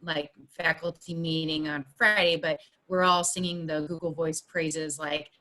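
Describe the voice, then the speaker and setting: A woman's voice: deep voice, steady tone, measured pace, sharp tone. A woman working as a school social worker, talking in a rambling way with many restarts during a video meeting. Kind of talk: casual video meeting chat. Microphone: video call.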